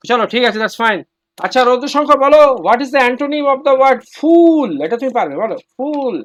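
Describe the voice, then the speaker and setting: A man's voice: extremely high pitch, animated, measured pace. A man teaching English to children in an online class, firm and repeating his prompts, heard over a video call.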